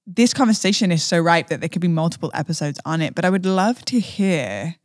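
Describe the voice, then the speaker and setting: A woman's voice: on the low side, lively intonation, fairly quick, no room sound, clean studio sound. A woman hosting a podcast, speaking in an earnest, flowing way with spiritual wording and bits of casual slang. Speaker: podcast host. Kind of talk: heartfelt spiritual podcast introduction and chat.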